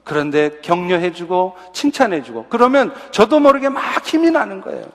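High-voiced pastor preaching in a hall. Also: male voice, very animated, moderate pace. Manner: earnest, conversational preaching with rhetorical questions. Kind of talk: sermon. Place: church sanctuary. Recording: reverberant church hall.

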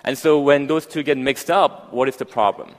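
A man preaching a sermon, speaking haltingly with many fillers and restarts. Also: mid-range voice. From grew up partly in Africa. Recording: long hall reverb.

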